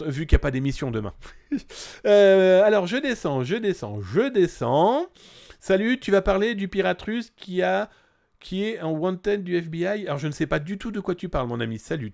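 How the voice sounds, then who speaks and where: A man with a fairly high voice hosts a casual live news stream. He is chatty and jokey, greets viewers by name and reads their comments aloud. He swings between lively bursts and quiet asides. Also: gravelly.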